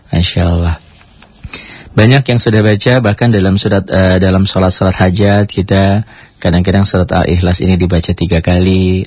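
A man with a low, husky voice gives a casual lesson on Quran recitation. He breaks off now and then to spell out letters and draw words out in slow chanted examples. The recording sounds dry and a little dull. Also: dry recording. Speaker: Islamic preacher teaching Quran recitation.

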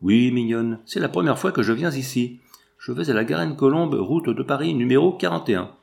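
A man's voice: mid-range voice, lively intonation, brisk, gravelly, darkish tone, voice pushed up. A man voicing a kindly old bread-carrier woman. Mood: gentle.

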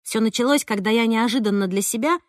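A woman narrating a first-person audiobook in an expressive storytelling manner, recorded close on a studio mic. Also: on the high side, fast, no room sound.

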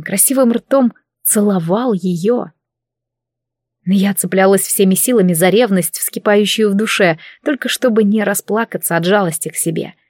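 A woman's voice: medium pitch, darkish tone, no echo. Woman narrating a fantasy audiobook, dry.

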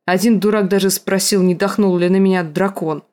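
A woman reading an audiobook, voicing a scarred, bitter, hulking male warrior with a rasping, gruff, slow and menacing delivery. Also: medium pitch, steady tone, a little mellow, close to an everyday voice.

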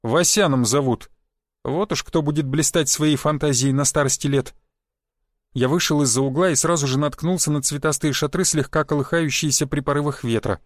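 A man narrating a first-person adventure audiobook in a wry, even storytelling manner. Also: a little high, moderate pace, no room sound, studio quality.

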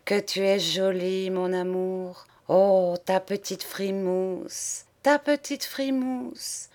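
A woman's voice: mid-range voice, steady tone, slow pace, a little mellow, close to an everyday voice. A woman voicing a doting cook in her forties who pleads in a plaintive tone.

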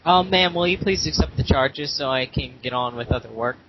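A man posing as a phone operator on a prank call, talking in a halting way full of ums and uhs over a phone connection. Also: mid-range voice. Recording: muffled phone line with loud hiss.

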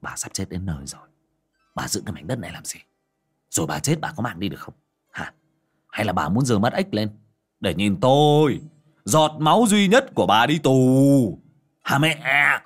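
Give me a man playing a haughty, bullying young man, lowish and lively. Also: moderate pace, pauses often, full character voice. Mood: scornful. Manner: scornful, bossy, haughty. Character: spoiled, greedy young man bullying his mother.

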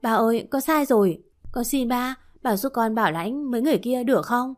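A woman's voice: on the high side, brisk, soft background music, natural voice. A woman voicing a spoiled young daughter, pleading and near tears. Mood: sobbing plea.

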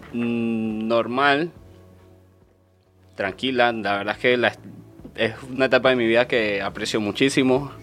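Un hombre venezolano de treinta y pocos años, invitado a una entrevista, hablando de forma relajada y reflexiva con algunas dudas. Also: male voice, mid-range voice, a bit bright. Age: 30s. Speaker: interview guest. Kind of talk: casual interview.

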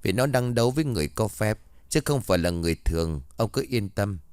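A man's voice: fairly low pitch, lively intonation, quick pace, a little mellow, clean tone, dry recording, close to an everyday voice. A man playing a stern old exorcist. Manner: scolding, stern.

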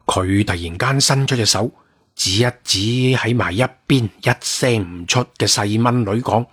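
A man narrating a first-person adventure novel in a measured, wry storytelling manner. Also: lowish voice, a bit bright, breathy edge.

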